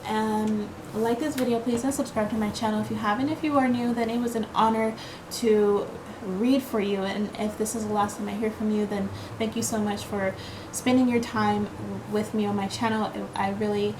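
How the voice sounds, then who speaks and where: In a steady tone at normal speed, a native English-speaking tarot card reader talks her viewers through a casual, reassuring reading. Her pitch is ordinary mid-range, she leans on fillers and "okay?" tags, and clear background noise sits behind her.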